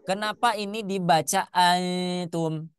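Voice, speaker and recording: A man teaching a Quran recitation class, asking his students questions and slowly chanting Arabic examples. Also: high voice, fairly even intonation, clear, resonant tone, no echo, studio quality. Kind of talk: classroom lesson.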